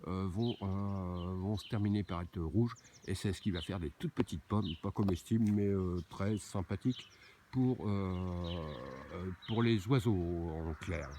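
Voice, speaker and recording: A man's voice: low voice, measured pace, mellow, slight background noise. A man giving a casual, hesitant walking tour of his own garden outdoors, with many fillers and restarts.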